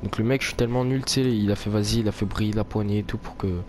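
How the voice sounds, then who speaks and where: A man with a slightly low voice plays a horror game and commentates as a spooked, grumbling streamer. He rambles casually, jokes crudely and swears often. There is faint background noise. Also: fairly even intonation, rapid-fire, a little mellow. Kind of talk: casual let's play commentary. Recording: noisy home game recording. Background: horror game ambience.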